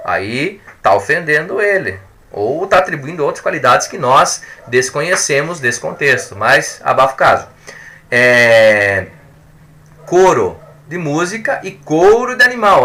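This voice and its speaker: A man's voice: mid-range voice, pushed and bright. A male teacher giving a recorded grammar lesson, drilling points by repetition and adding joking asides.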